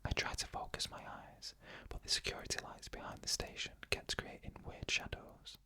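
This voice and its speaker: In a gentle ASMR whisper without any voiced sound, a storyteller reads creepy tales told from the first-person view. The delivery stays slow and carefully measured.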